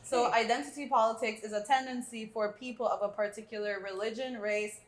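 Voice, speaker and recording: A woman's voice: on the high side, steady tone, fairly quick. A young woman hosting a panel discussion, poised and reading prepared questions. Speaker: host. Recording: roomy echo.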